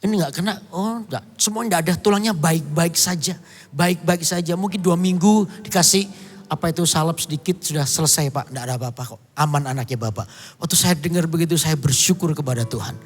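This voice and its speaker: A man's voice: fairly high pitch, a little fast, breathy edge, in a large hall. A middle-aged man from Indonesia preaching a sermon, telling a personal story and breaking into song now and then. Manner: storytelling, bursts into song and shouts. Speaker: pastor.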